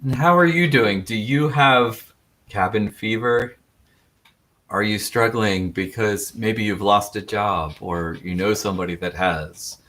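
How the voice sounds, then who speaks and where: Slow, low-voiced man leading worship. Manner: unhurried, gentle, many ums and uhs. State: rough morning voice. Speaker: worship leader. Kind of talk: casual address to a congregation.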